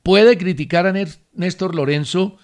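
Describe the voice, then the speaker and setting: Male sports radio host, slightly high voice, measured and emphatic. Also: a crowd in the background. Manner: measured, emphatic opinion delivery. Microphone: studio radio mic.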